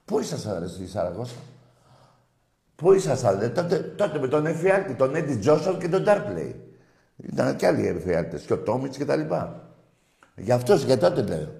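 A man in a profane, mocking rant at a rival football club's fans, swinging between loud shouts and low jeers. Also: big pitch swings, creaky. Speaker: football fan ranting. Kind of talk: profane monologue. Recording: roomy echo.

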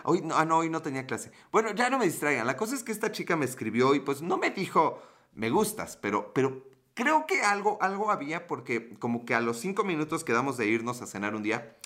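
A man's voice: a little high, big pitch swings, a little fast, fairly bright tone. A man in his thirties with a Mexican Spanish accent, hosting a casual livestream, telling a story and joking with viewers' comments in a playful, chatty way. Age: 30s. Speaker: livestream host.

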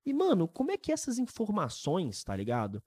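A man in his early twenties with a Brazilian Portuguese accent, hosting a podcast in casual, animated, slangy chat. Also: a little high, a little fast, slightly rough, no room sound. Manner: animated, informal, heavy use of slang. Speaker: podcast host.

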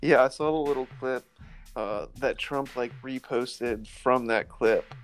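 A man's voice: mid-range voice, measured pace, faint music behind. A young man co-hosting a podcast in casual chat, hesitant and trailing off mid-thought. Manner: hesitant, trails off, laughs easily. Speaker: podcast co-host.

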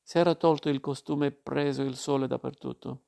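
A man narrating a literary novel in the first person, in a calm and measured way. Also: medium pitch, gravelly. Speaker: audiobook narrator. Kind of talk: literary audiobook reading.

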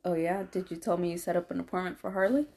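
A woman co-hosting a casual podcast chat with her partner, talking in an animated way and laughing between remarks. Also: fairly low pitch, fast. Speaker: podcast co-host.

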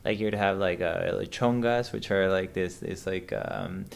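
A man's voice: sits low, moderate pace, creaky. A man in his thirties from Venezuela, a podcast guest chatting casually and hesitantly, with many fillers and restarts. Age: 30s. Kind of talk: casual conversation.

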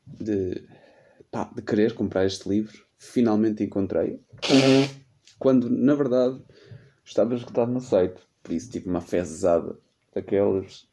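A man in his late twenties with a European Portuguese accent hosts a casual solo podcast while sick with a cold. His voice is on the low side and mellow, and his storytelling rambles, slangy and self-deprecating.

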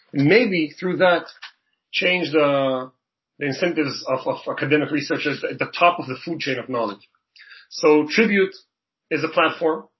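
Earnest man from Israel, lo-fi audio. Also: fairly high pitch. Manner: earnest, many repeated words and restarts. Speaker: startup co-founder and CEO. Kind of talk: interview answers. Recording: dull lo-fi audio.

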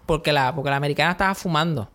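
A man with a Puerto Rican accent telling funny stories in casual podcast chat. He is animated and jokes a lot. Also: a little high, racing. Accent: Puerto Rican Spanish. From Puerto Rico. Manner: animated, joking, acts out quotes.

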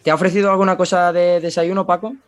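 A man's voice: sits high, flat delivery, fast. A man hosting a casual podcast over a video call, greeting his co-hosts and teasing them. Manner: jokey, teasing. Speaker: podcast host.

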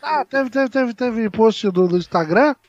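A man's voice: very high voice, animated, measured pace, dry recording, highs cut off. A man co-hosting a casual podcast from a remote mic, talking in a scattered, self-mocking way. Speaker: podcast co-host. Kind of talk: casual chat. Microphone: remote mic with the signal fading.

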